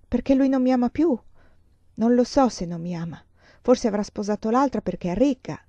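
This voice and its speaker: Female reader doing a jilted young woman, pleading and broken, mellow voice, dry slightly dull recording. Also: fairly high pitch, lively intonation, moderate pace, dry recording. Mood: brooding.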